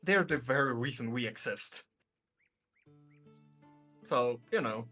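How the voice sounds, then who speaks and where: Slow, lively-voiced man player. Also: mid-range voice, faint music behind. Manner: laughs often, playful. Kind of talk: casual chat during a tabletop game.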